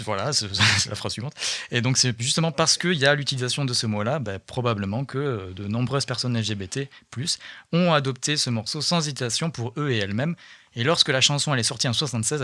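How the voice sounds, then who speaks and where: A male radio host talks in a relaxed, hesitant way, full of fillers, in a small studio. His voice sits at an ordinary middle pitch, recorded close and dry with no room echo. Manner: hesitant, many fillers, slow when reading. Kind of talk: casual radio talk, reading lyrics aloud. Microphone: studio microphone.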